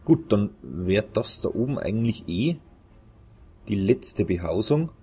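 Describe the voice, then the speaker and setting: Deep-voiced man commentating a game. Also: big pitch swings, unhurried, dark tone, slightly rough. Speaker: let's player.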